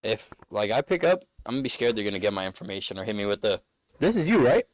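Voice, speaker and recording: A man's voice: fairly low pitch, lively intonation, racing. A man co-hosting a podcast in casual chat, laid-back and full of slang. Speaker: podcast co-host.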